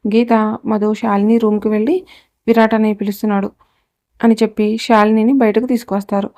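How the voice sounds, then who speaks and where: A woman narrating a serialized family drama story in a steady, even reading voice. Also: medium pitch, dry recording.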